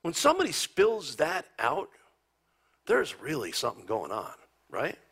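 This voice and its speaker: A man preaching a conversational sermon as a pastor, telling stories and often dropping to a hushed near-whisper. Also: a little high, huge pitch swings, measured pace, vocal fry, breathy edge.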